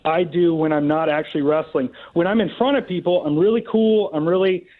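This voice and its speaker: A man calling in to pitch a show over an online call, speaking in a laid-back, self-assured casual way. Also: a little fast. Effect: heard through an online call line. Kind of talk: casual chat. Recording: tinny call-in audio.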